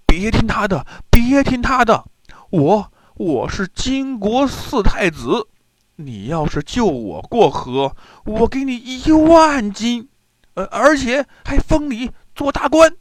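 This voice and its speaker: A man voicing a desperate Jurchen prince who begs loudly for rescue, in a children's storybook telling. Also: big pitch swings, slow pace, no echo, heavily acted. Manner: loud, high, begging.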